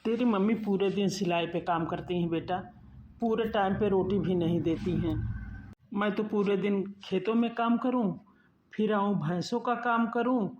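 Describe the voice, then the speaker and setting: A man voicing a tired, loving older farmer father in a cartoon story, speaking calmly and explaining. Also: high voice, natural voice. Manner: calm, explaining. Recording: muffled lo-fi sound.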